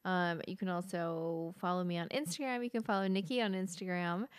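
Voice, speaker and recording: A woman's voice: on the low side, fairly even intonation, a little fast, clear, resonant tone, no room sound, clean studio sound. A woman hosting a podcast in casual chat, bubbly and laughing often. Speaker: podcast host.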